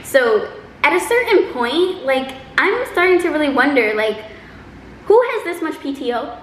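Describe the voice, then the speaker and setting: Woman, higher-pitched voice, chatty vlog storytelling, animated delivery, roomy echo, faint noise. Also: moderate pace. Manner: animated, exaggerating delivery with acted-out quotes. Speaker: vlogger telling a personal story.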